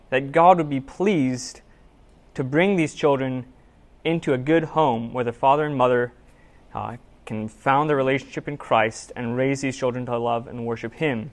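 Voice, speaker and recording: In a church sanctuary, a man with a medium-pitched voice preaches a sermon, reading scripture aloud before telling a story in an earnest, measured and conversational manner.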